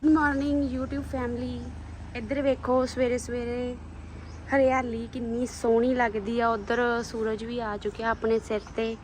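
Woman, casual vlog narration, walking around a rural yard, fairly high-pitched, phone recording with light noise. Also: flat delivery, moderate pace, darkish tone, poor audio. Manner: chatty, shows viewers around. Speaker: vlogger. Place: outdoors at a rural home with garden.

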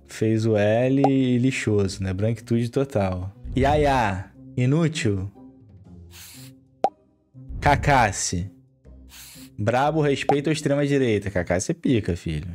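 A man's voice: mid-range voice, a little mellow. A man streaming live, handing out blunt, irreverent snap verdicts full of slang.

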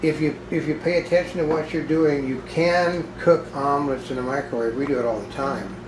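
A man's voice: a little high, fairly quick. Instructive man in an echoey kitchen. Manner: talkative, instructive, addresses viewers as folks. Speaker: cooking show co-host. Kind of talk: casual cooking demonstration. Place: home kitchen, indoors. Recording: echoey kitchen with clear background noise.

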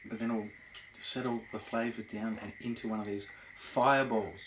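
A man chatting in a relaxed way while tasting pastries. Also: on the low side, moderate pace, noisy background. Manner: relaxed, talks with mouth full. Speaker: host of food channel. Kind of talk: casual chat.

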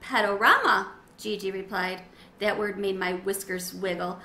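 A woman reading a children's chapter book aloud in an expressive storytelling manner. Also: medium pitch, moderate pace. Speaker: reader. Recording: roomy echo, faint ambience.

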